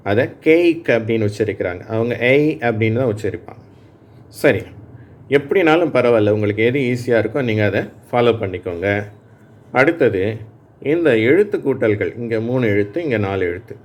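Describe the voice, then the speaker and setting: A man's voice: medium pitch, expressive. A man teaching English phonics in Tamil, saying words aloud for learners to repeat and often checking that they follow. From Tamil Nadu, India. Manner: explains slowly, checking in with "சரியா?". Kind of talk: Tamil-language phonics lesson.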